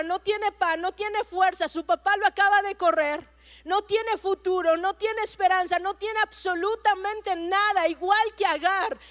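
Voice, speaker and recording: A woman's voice: very high voice, fairly bright tone. A middle-aged woman pastor, preaching an impassioned, emphatic sermon. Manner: impassioned preaching, slow and emphatic, acting out cries for help.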